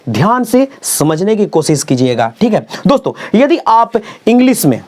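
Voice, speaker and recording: A man with a high, very animated voice and a darkish tone gives a classroom-style English grammar lesson. He spells words letter by letter, slowly repeats key phrases, and keeps checking with "okay?".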